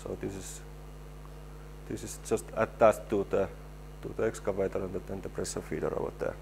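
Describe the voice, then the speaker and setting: A man giving a technical conference presentation, halting and repeating words as he explains his slides. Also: sits low, flat delivery, creaky, background noise. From Finland. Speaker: presenter, stabilization engineer.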